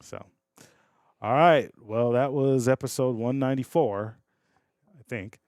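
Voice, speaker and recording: A man's voice: mid-range voice, a little slow, a little mellow, no room sound, studio quality. A man co-hosting a podcast in casual chat, rambling and laughing often, trailing off mid-thought. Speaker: podcast co-host.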